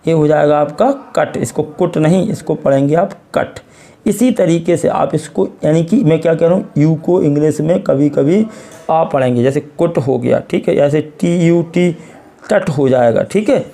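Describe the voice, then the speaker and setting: A man's voice: fairly high pitch, moderate pace, gravelly, warm tone. An Indian man with an Indian accent teaching English reading step by step, patiently repeating words and quizzing the listener. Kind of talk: classroom-style phonics lesson.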